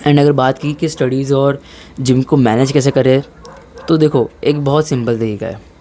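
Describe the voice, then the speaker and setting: A young fitness vlogger gives casual, blunt advice on the gym and studies, informally mixing English into his talk and calling listeners brother, saying "bhai" a lot. His mid-range voice is mellow with a steady tone and moderate pace.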